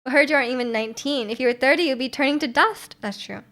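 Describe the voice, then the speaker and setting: This high-voiced woman in her twenties talks fast as she streams, reading out and responding to viewer messages. Her tone is a bit bright, she laughs easily and often, and her chatter is loose and full of playful asides.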